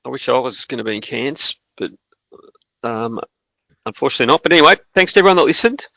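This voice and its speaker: A gravelly-voiced Australian man hosts a casual footy podcast. He chats in a loose, joking way with a bit of crude banter. His voice sits dry and close, with no room sound around it. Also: mid-range voice, animated, fast talker, pushed and bright, no room sound, rough recording. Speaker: podcast host.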